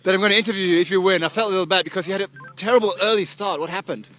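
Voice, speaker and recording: A man's voice: high voice, racing, fairly bright tone. A man reporting from the water, interviewing a sailing crew in an upbeat, chatty way. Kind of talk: live sports interview.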